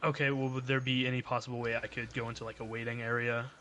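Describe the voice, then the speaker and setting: A man's voice: mid-range voice, level tone, quick pace, bright, forceful tone, a little hiss or hum. A young man playing his character in a tabletop game, speaking hesitantly with many fillers. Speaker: player.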